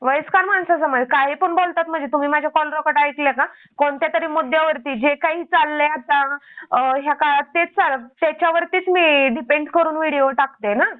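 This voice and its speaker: A woman with a high voice speaks a little fast over a narrow, tinny phone line. A prank-call video creator, she argues confrontationally, firing off one indignant rhetorical question after another.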